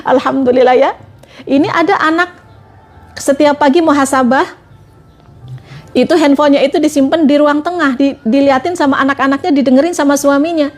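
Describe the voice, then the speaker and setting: A woman's voice: high voice, fairly quick, pauses often, soft background music. A woman preaching on a livestream, talking to her listeners as friends in a repetitive, coaxing way. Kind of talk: livestream religious talk.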